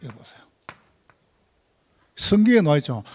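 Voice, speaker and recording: A male pastor delivers a sermon in a high, very animated voice that leaps up and down in pitch. He is emphatic and swings from loud calls to hushed asides. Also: moderate pace.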